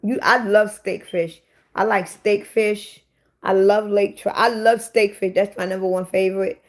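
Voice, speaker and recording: Speaking a little slowly, with a medium pitch and steady tone, a livestream host in her forties chats casually with viewers. She answers commenters bluntly and profanely.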